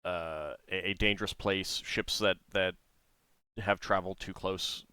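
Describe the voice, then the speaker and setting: A man casually narrating a tabletop game as game master, in a halting, thinking-aloud way. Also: deep voice, fairly even intonation, pushed and bright, clean tone, dry recording.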